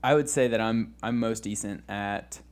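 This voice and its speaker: A man's voice: lowish voice, normal speed, clear, resonant tone. Giggly, rambling young man co-host. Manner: rambling, giggly, with many restarts. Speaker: podcast co-host. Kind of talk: casual comedy chat.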